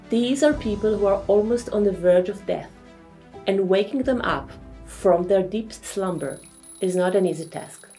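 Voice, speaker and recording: A woman's voice: medium pitch, darkish tone. Woman lecturing over music. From Israel. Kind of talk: scripted lecture narration.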